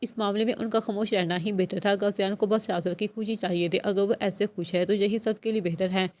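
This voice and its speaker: A woman narrating a romance novel aloud, steady and measured, with a mid-range voice. Her pace is even and the delivery scripted. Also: medium pitch. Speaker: novel reader.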